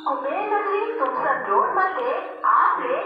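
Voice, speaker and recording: A woman making a recorded railway station announcement over a loudspeaker, in a slow, formal delivery. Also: high voice, expressive, loud music behind the voice. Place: railway platform, outdoors. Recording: echoey dull loudspeaker from far off.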